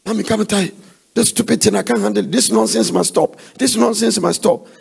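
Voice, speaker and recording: A man's voice: sits high, fairly quick, creaky, a little mellow, husky, full character voice. A man voicing a young married woman who complains to her mother about her husband. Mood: whining. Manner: whining, complaining.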